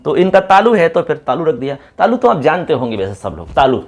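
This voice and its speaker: Lively male teacher quizzing students. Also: a little high, a little fast. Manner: lively, repeats call-and-response questions to students. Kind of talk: classroom lesson.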